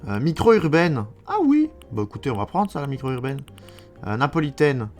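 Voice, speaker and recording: A man's voice: medium pitch, very animated, moderate pace, a little mellow, soft background music. Chatty Belgian French man streaming a game. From Belgium, Wallonia. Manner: chatty, answers viewers, thinks aloud. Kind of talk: live game commentary.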